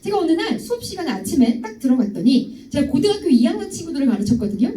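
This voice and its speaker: Young female youth preacher, high lively voice, distant and echoey. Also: fast, slight background noise. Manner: lively, teasing, asks students directly. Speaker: youth ministry speaker. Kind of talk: youth sermon with stories. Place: church hall. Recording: echoey hall, voice from far off.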